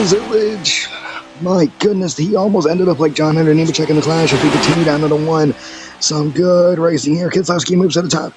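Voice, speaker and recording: A man doing rapid, excitable play-by-play commentary of a video game race, out of breath, his voice jumping high on sudden exclamations. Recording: clear background music.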